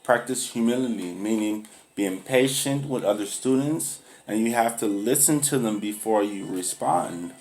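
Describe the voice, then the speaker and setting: Woman as a deep-voiced, firm schoolteacher, patient but corrective; faint hiss. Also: normal speed, hardly any pauses, darkish tone. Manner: patient, corrective, lecturing on humility. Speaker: teacher. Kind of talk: comedy skit acting.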